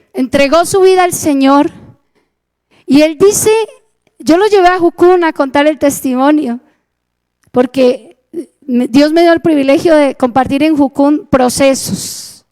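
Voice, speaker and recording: A Colombian woman preaches a sermon, earnestly telling a testimony and acting out the dialogue. Her voice is high-pitched with a darkish tone.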